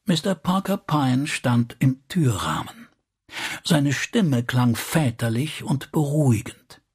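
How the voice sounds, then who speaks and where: A man narrating an audiobook story in a measured, expressive reading. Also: mid-range voice, husky. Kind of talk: scripted narration.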